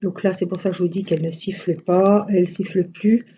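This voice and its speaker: A woman's voice: fairly low pitch, steady tone, brisk, warm tone, muffled recording, a little hiss or hum. A middle-aged woman chatting casually on a live stream, rambling through everyday anecdotes. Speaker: craft live-stream host.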